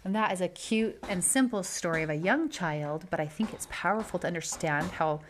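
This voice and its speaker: Low-voiced woman reading a bedtime story. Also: brisk, slight background noise. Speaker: podcast host. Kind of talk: reading a children's story aloud.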